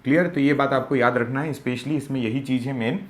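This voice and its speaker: A young man with a mid-range voice and fairly even intonation teaches a Hindi grammar class for exam preparation. He asks rhetorical questions, answers them himself, and repeats key words slowly.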